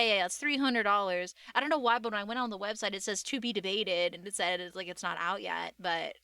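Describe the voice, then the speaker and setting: A woman chatting casually on a livestream in a cute, gushing anime-streamer way, with slangy, expressive exclamations. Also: medium pitch, smooth, no echo. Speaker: VTuber artist and livestreamer.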